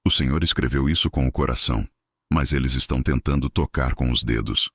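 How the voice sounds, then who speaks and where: A man voicing a calm, wise male street violinist. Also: very deep voice, a little fast, slightly rough, no echo, studio quality, heavily acted. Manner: calm, quiet.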